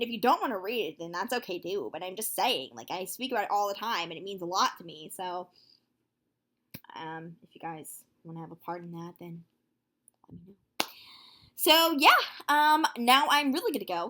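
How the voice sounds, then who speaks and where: A nineteen-year-old woman talking casually to her viewers in a vlog, chatty and full of fillers, quick to exclaim. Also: medium pitch. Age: young adult, nineteen. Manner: excitable, quick to gasp and exclaim. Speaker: vlogger.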